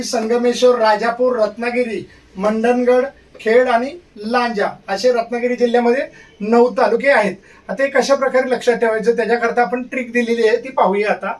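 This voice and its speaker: High-voiced male teacher, distant mic. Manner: repeats mnemonics slowly, asks and answers himself. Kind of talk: exam-prep lesson with memory tricks.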